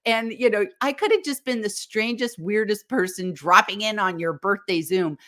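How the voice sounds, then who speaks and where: A woman's voice: mid-range voice, normal speed, a bit bright. An American woman, a guest on a live chat show, telling stories in a chatty, upbeat way. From United States. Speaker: guest, live stream coach. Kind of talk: casual interview chat.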